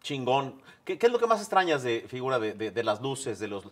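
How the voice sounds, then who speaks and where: Slangy Mexican host over crowd noise. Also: male voice, medium pitch, fairly quick. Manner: slangy, joking, lively questioning. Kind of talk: casual interview. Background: crowd chatter.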